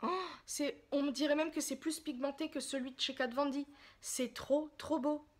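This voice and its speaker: Brief: a bubbly woman with a high voice for a casual beauty vlog, gushing and chatty. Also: normal speed. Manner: excitable, gushing, chatty and apologetic. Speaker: beauty vlogger. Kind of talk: casual makeup haul chat.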